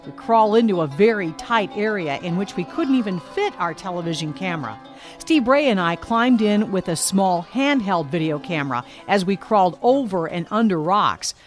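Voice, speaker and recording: A woman narrates a television documentary in a measured, storytelling voice. Her pitch sits in the middle. Faint music plays beneath her. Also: expressive. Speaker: documentary reporter.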